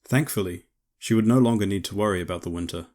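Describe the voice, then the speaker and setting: Deep-voiced male audiobook narrator. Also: quick pace, a little mellow. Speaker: author and narrator.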